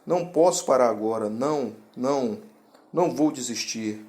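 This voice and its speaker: A man voicing a desperate young hero who pleads and breaks into panicked high cries. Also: normal speed, a little mellow, close to an everyday voice. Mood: pleading.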